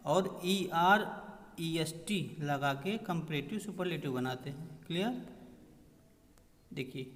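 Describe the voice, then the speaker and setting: A male teacher with an Indian accent, speaking in a high voice at a very slow, deliberate pace. He repeats words and keeps checking that his class is following. The sound carries a long hall reverb. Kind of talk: grammar lesson mixing Hindi and English.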